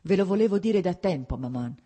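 Woman reader as a calm, dry-witted young wife, husky and low. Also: fairly quick. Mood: confiding. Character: sensible married daughter, calm and ironic.

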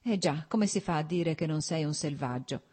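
A woman's voice: low voice, moderate pace, a little mellow, slightly rough. Earnest young nobleman in love, read by a woman. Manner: earnest, urgent, pleading.

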